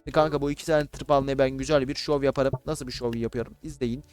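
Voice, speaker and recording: A man giving casual, excitable commentary on a battle game, swearing and shouting at the units he controls. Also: medium pitch, brisk, soft background music. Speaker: gaming YouTuber. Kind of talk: casual Let's Play commentary.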